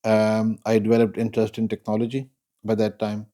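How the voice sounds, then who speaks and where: A man, a guest telling his life story in an interview. His voice is warm and mellow, and he talks in a measured, reflective way, often pausing to think. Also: fairly low pitch, completely flat delivery. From Pakistan.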